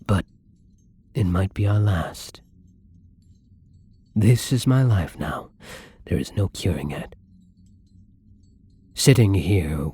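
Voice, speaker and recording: In an intimate ASMR roleplay, a man fully voices a lonely, gentle vampire, speaking softly and haltingly with wistful tenderness. His voice is low-pitched with a breathy edge.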